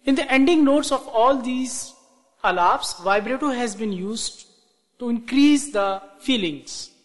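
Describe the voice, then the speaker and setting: A man explains classical singing terms in a music lesson, in a very high voice. He speaks slowly, in short deliberate phrases. The voice rings out with a long reverb. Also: animated. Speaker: music teacher.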